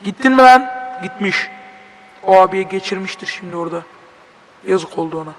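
Young male gameplay host, Turkish accent, high-pitched, joking and cursing, reverb-heavy recording. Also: animated, brisk. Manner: swearing, joking, bursts of panicked shouting. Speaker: gaming video host. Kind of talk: horror game let's play commentary.

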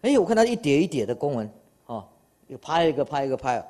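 An older man giving a public science lecture, telling anecdotes with animated quoted dialogue and laughter. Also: on the high side, quick pace. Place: lecture hall.

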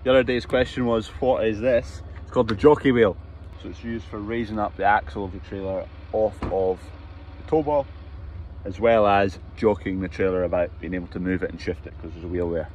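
A man's voice: lowish voice, steady tone, brisk, a little mellow. A man in his twenties with a Scottish accent, a farmer talking casually to camera for a vlog. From Scotland. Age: 20s. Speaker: cattle farmer and vlogger. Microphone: handheld phone at arm's length. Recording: very noisy farm, vehicle and market background.

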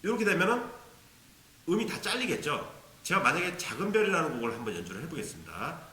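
A man's voice: fairly high pitch, sing-song, quick pace, sharp tone, roomy sound, a little hiss or hum. A man teaching a beginner ocarina lesson, patiently explaining and demonstrating tonguing syllables aloud. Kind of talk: instructional video lesson.

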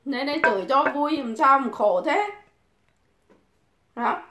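A woman hosts a livestream rant, taunting and cursing at her critics in a scornful, mocking way. Her voice sits a little high, and she takes her time. The sound is roomy and echoey. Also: expressive, a little slow, bright, forceful tone. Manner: mocking, provoking, swears constantly. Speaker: livestream host. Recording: echoey room.

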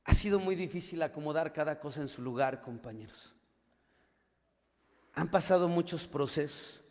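A man's voice: fairly high pitch, normal speed. Mexican man, recovery group testimony, crude slang, echoey hall. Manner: crude slang, addresses listeners as compañeros. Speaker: speaker sharing his testimony at a recovery group.

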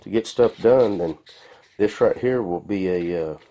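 A man's voice: sits low, measured pace, warm tone, highs cut off. A man casually reviewing a tool in his garage, talking in a rambling, folksy way with plenty of fillers, recorded on a handheld phone. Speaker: home mechanic reviewing a tool. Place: garage with concrete floor.

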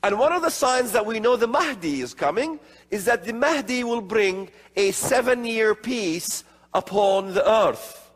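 Middle-aged guy from the middle east preaching on stage, kinda high voice, big hall echo. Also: animated. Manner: slow emphatic delivery with gestures. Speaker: conference speaker. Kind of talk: prophecy conference lecture. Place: large hall with seated audience. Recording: long hall reverb.

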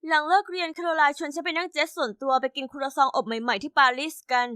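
A woman narrating an animated first-person story in a lively, scripted storybook manner. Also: high-pitched, fast talker, no echo, studio quality.

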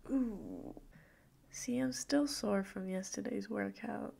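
A cuddly young girlfriend acted by a woman murmurs as if she just woke up. Her ASMR role-play is slow and breathy, with gravelly vocal fry, sleepy and playful in tone. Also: medium pitch, full character voice. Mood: drowsy, cuddly. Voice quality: breathy half-soft voice with creaky fry.

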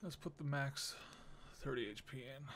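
A game streamer at home gives casual let's play commentary, thinking aloud and weighing choices in short phrases. His mid-range voice has a fairly bright tone and moves at normal speed. Game music plays in the background, along with slight noise.

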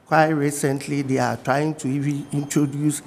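A middle-aged man with a Ghanaian accent and a fairly high voice speaks calmly in a TV studio interview, going back over his main points. His voice trails off into a long studio reverb, over a faint background hiss. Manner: measured, repeats key points. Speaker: fishing industry guest.

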